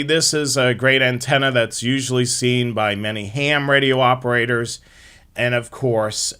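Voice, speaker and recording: A man with a lowish, bright, forceful voice hosts a live hobby show, walking through things step by step in an informal slideshow presentation.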